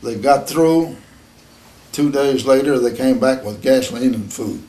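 An elderly American man, a war veteran remembering in an unscripted interview, speaking in a halting, plain-spoken, matter-of-fact way. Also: mid-range voice, dark tone.

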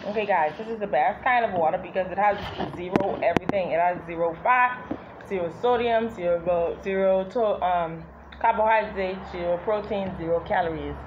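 A woman's voice: on the low side, normal speed, dull audio. A young woman chatting casually to her phone camera in a vlog, talking straight to viewers with plenty of fillers. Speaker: vlogger. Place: small room indoors, then a church lobby. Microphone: phone camera at arm's length. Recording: loud background noise on phone mic.

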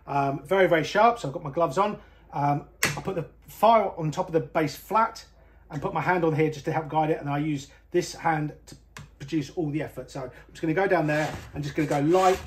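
A middle-aged man from Britain, a ski technician, talking through a hands-on repair in a small workshop in a practical, relaxed way with some fillers. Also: on the high side, slight background noise.

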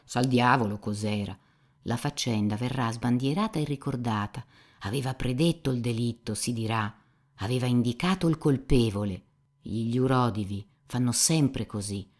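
A woman's voice: a bass voice, darkish tone. A woman reading a sneering young seminarian. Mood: mocking. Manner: mocking, insinuating, talkative. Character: sneering young male seminarian, gossipy, cynical. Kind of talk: audiobook character reading.

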